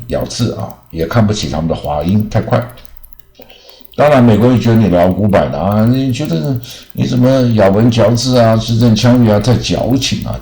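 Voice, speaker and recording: A male teacher giving a casual spoken lesson, rambling and tacking a drawn-out "ah" onto most phrases. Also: extremely low pitch, mellow. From Taiwan. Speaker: English teacher. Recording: echoey room.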